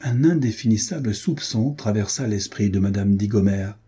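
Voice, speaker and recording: A man reading a historical adventure novel aloud in a steady, measured narration. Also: on the low side, husky. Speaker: audiobook reader. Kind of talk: scripted narration.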